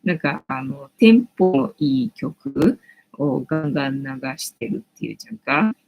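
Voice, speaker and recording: A woman's voice: sits low, big pitch swings, normal speed, creaky, darkish tone, breathy edge, rough recording. A woman in her late forties hosting a casual late-night chat stream, rambling and thinking aloud with lots of fillers. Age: 40s. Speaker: live-stream host.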